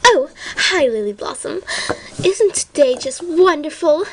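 A posh, fussy female unicorn from a cartoon, theatrical and swooping all over her very high range, as a woman puts her on. Faint noise sits under the voice. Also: lively intonation, unhurried. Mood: dramatic. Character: posh dramatic female unicorn fashion designer.

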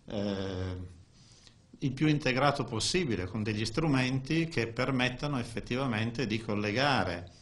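A man in his sixties gives a technical talk at a conference, speaking into a desk microphone, halting with many restarts and fillers. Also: medium pitch. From Italy. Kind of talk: technical presentation. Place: conference room, indoors.

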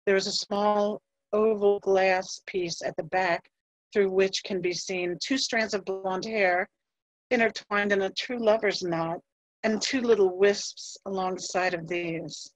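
A woman museum curator giving a scripted history presentation in a measured voice, with a few fillers as she reads from her notes. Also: medium pitch, steady tone, no echo, low-quality recording.

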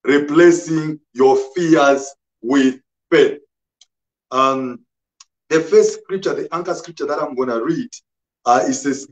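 Slow, deliberate male pastor preaching. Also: mid-range voice, low-quality recording. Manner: slow, emphatic, repeats scripture references. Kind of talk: sermon.

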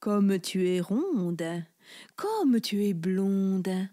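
A woman voicing a cunning old fox who flatters slowly and coaxes in near-whispers, in a storybook tale. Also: a little high, exaggerated voice. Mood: sly coaxing. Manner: smooth, slow and coaxing, drops to a whisper.

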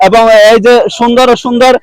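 A man with a Chattogram Bangladeshi accent reporting on location as an eager, halting presenter who often repeats himself. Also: extremely high pitch, completely flat delivery, clean tone, no room sound. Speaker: reporter for a local online channel. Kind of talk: on-location market report with interviews. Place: outdoor cattle market.

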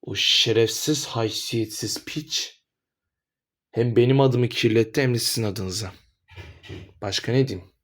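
Brief: male actor as a cold crime boss, low hard delivery, contemptuous curses. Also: unhurried, long pauses, fairly bright tone, natural voice. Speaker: voice actor in amateur animated drama. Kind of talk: animated drama voice acting.

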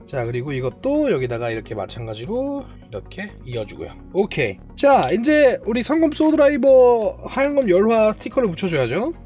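A model kit reviewer giving hands-on build commentary, chatty and talking to themself while building, playfully boastful and quick with excited exclamations. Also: mid-range voice, soft background music. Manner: playfully boastful, self-praising.

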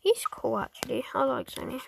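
A woman's voice: sits high, big pitch swings, fairly quick, gravelly, background noise. A woman gamer giving playful, jokey gameplay commentary to her viewers. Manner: chatty, jokey, talks to viewers.

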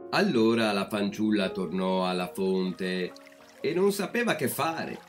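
A man reading a fairy tale aloud as a storyteller, calm and measured. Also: fairly low pitch, faint music behind.

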